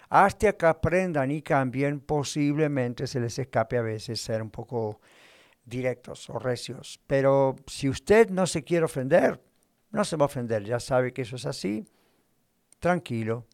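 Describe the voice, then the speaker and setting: A man's voice: mid-range voice, darkish tone, smooth, no echo. A man preaching as a pastor, putting questions to his listeners and answering them himself. His voice sits in a middle register and is recorded dry and close, with no room sound. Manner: preaching with rhetorical questions and acted quotes. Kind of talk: sermon.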